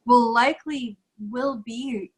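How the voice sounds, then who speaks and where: A woman's voice: fairly high pitch, steady tone, slow pace, husky, low-quality recording. A woman hosting a casual interview over a video call, asking questions and encouraging her guest with short affirmations. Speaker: interview host.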